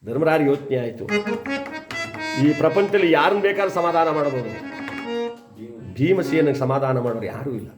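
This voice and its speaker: Man, high voice, sung devotional storytelling, echoey hall, music behind. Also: moderate pace, long pauses. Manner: shifts between singing, narration and acted dialogue. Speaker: Harikatha storyteller.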